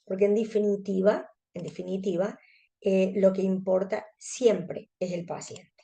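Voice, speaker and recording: A woman presenter from Córdoba, Argentina, a contact lens specialist, walks colleagues through an educational webinar in Cordobese Argentine Spanish. Her mid-range voice is mellow yet creaky, with fairly even intonation and a measured pace.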